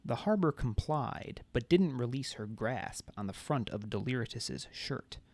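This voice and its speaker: A man reading his own fantasy novel aloud in a measured way. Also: medium pitch, creaky, a little mellow. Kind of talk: audiobook narration.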